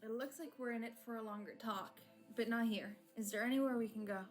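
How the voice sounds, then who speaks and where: A caring young healer played by a woman in a visual novel, soft-spoken and measured, quietly firm. The voice is fairly high and light, with music playing behind it. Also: steady tone, natural voice. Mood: gentle, firm. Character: Asra, gentle, concerned, quietly firm male healer. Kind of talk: dramatic visual novel reading.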